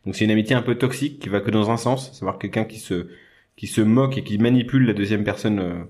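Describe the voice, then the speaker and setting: A man's voice: on the low side, fast, darkish tone. Rambling man in casual film chat. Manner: rambling, many restarts, jokey asides. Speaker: podcast co-host. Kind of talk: casual chat about films.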